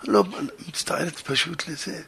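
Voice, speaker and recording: An awkward young woman stumbles over her words while delivering sad news, played by a male preacher in a story sermon. She speaks in a hushed, halting way, with a gravelly rasp. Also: on the high side, steady tone, exaggerated voice. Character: hesitant young woman friend breaking bad news.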